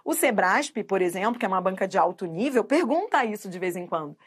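A middle-aged Brazilian woman teaching grammar for exams, quizzing listeners with repeated questions and drawing out key terms slowly. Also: medium pitch, expressive, slightly rough. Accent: Brazilian Portuguese. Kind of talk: exam-prep grammar lesson.

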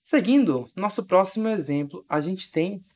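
A language teacher gives a recorded video lesson, repeating each word slowly and often checking that the learner understands. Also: mid-range voice, expressive.

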